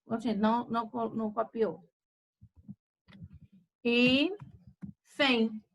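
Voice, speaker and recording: A woman teacher, slowly dictating words in a grammar lesson. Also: on the high side, fairly even intonation, creaky, poor audio. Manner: slow, deliberate word-by-word dictation.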